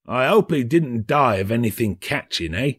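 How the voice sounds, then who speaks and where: Man acting a sly old dealer, husky drawl. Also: mid-range voice, lively intonation, moderate pace, a bit bright. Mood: sly, incredulous. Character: grasping old male dealer in stolen goods, sly.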